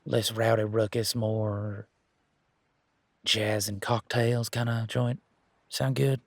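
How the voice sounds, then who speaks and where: In this romantic audio drama, a man voices Gavin, a flustered, polite and excitable young male werewolf boyfriend, chatting casually through nervous stammers. The pitch is fairly low and the tone level, with a slow pace, no echo, and an amazed, relieved mood.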